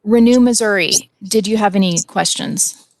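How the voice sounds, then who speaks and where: A woman serves as judge over a formal remote hearing held by audio and video link, conducting it politely and procedurally. She speaks at normal speed in a medium-pitched voice, and the recording is dry.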